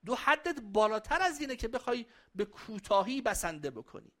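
A man's voice: very high voice, very animated, fairly bright tone. A man giving a religious lecture to a live audience, chatting and joking with them and reciting Arabic verses.

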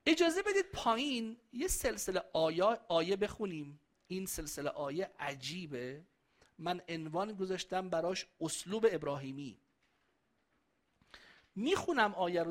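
A man's voice: sits high, animated. A man giving a religious lecture to a live audience, chatting and joking with them and reciting Arabic verses.

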